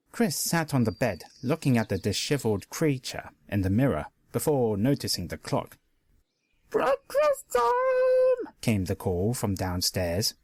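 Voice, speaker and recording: A man narrating a pony fanfic story as a dramatic reading, expressive throughout. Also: on the low side, slightly rough, dry recording.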